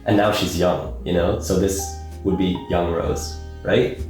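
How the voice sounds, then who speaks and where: A man's voice: low voice, steady tone, a little slow, a little mellow, faint music behind. Rambling young man in an echoey room. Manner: rambling, many fillers and repeated words. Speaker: film review vlogger. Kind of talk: casual film talk.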